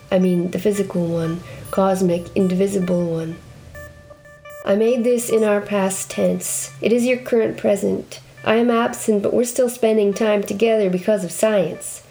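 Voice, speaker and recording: A woman performing a reflective spoken-word monologue, slow and deliberate, speaking intimately to the listener and asking many questions. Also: mid-range voice, steady tone, low-quality recording. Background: loud guitar music.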